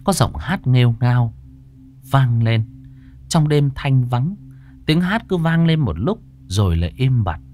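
A man narrating a ghost story in a measured, dramatic storytelling manner. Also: medium pitch, expressive, a little mellow.

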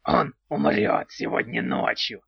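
A man voicing a gleefully perverse male house spirit in an audiobook, speaking slowly and strangely about himself in the third person. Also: no room sound, lightly acted. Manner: slow, odd, talks of himself in third person. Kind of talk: audiobook character voice. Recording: dull lo-fi sound.

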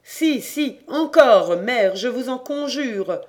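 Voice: medium pitch, lively intonation, measured pace, darkish tone, natural voice. A reader voicing a dead son crying out. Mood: urgent crying out. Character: dead young man risen from his grave, insistent.

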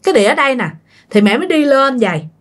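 A woman's voice: sits high, expressive, very fast. A woman telling a ghost story in a casual, chatty way, often speaking straight to her listeners. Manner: chatty, addresses listeners directly.

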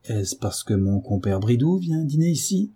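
Père grossier et furieux, joué par un lecteur, ton sardonique, voix éraillée. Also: male voice, medium pitch, big pitch swings, moderate pace. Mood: furious, gruff. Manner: shouting, rough and sardonic. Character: brutal loud-mouthed middle-aged father.

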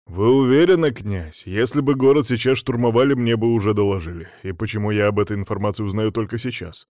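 A man reading an audiobook voices a gruff, displeased field marshal who barks brusque orders. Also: fairly low pitch, moderate pace, darkish tone, no room sound, studio quality, lightly acted. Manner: brusque, bossy, irritated.

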